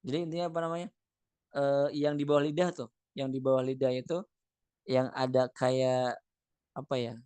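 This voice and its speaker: A man's voice: medium pitch, flat delivery, moderate pace, long pauses, darkish tone, clear, resonant tone, dry recording. Casual man teaching Arabic text. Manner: reads phrases in Arabic, then explains them casually with fillers. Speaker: Quran recitation teacher. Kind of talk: explaining a text line by line.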